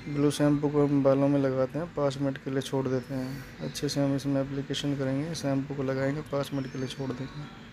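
A man's voice: mid-range voice, monotone, fast, background noise. A man talking through a hair coloring job step by step in a plain, explanatory way. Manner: plain, explanatory, repeats steps. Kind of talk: step-by-step salon tutorial narration.

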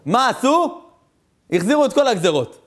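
A man with a fairly high voice gives a storytelling sermon as a rabbi. His pitch swings widely as he acts out the people in the tale, then drops back into plain narration. His delivery is animated throughout.

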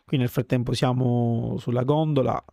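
A man hosting a casual gameplay video, chatting and thinking out loud as he plays. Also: mid-range voice, fairly even intonation, normal speed, vocal fry, no echo, studio quality. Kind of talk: casual let's-play commentary.

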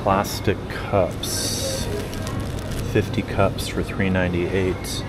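A man's voice: low voice, level tone, very slow, loud music behind the voice. A man vlogging a casual walk through a large grocery store, musing aloud as he reads out prices, recorded on a handheld camera. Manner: muses aloud while reading out prices.

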